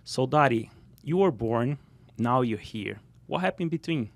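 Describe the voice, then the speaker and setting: In a podcast studio, a male host welcomes his guest energetically and asks questions, restarting often. His mid-range voice is gravelly and expressive, and he keeps a measured pace.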